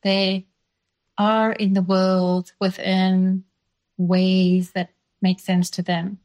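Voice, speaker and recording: A South African woman in her fifties, raised speaking Dutch, appears as a guest in a reflective interview. She speaks extremely slowly with a completely flat delivery and a medium-pitched, slightly mellow voice, recalling her past thoughtfully amid many hedges, fillers and restarts.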